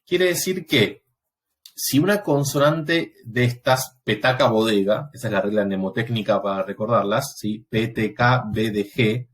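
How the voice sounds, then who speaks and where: A man teaching a Latin class, explaining step by step and often pausing to check that students follow. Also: on the low side. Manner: patient, explanatory, checks understanding with frequent "¿sí?". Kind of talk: recorded class lecture.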